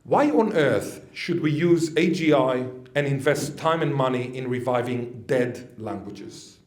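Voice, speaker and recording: A man's voice: mid-range voice, lively intonation, unhurried. Man giving a chatty lecture in an echoey hall. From Israel. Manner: chatty, with jokes and asides to the audience. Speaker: conference speaker. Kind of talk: lecture to an audience.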